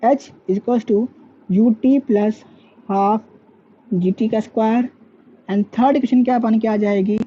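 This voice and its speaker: A woman's voice: fairly high pitch, steady tone, takes it slowly, pauses often, breathy edge. A woman teaching physics in a classroom lecture, who asks questions and answers them herself and mixes English terms into her talk. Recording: dull lo-fi sound with faint background noise.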